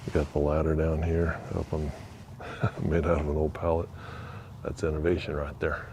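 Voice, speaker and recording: A man vlogging as he walks outdoors beside a river under an old bridge, musing quietly and thinking aloud with fillers. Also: a bass voice, level tone, normal speed, slight background noise. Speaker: vlogger exploring historic sites. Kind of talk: casual walking narration.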